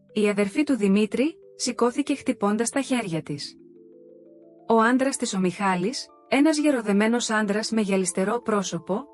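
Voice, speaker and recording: A woman narrating a story in a steady, even storytelling manner. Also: medium pitch.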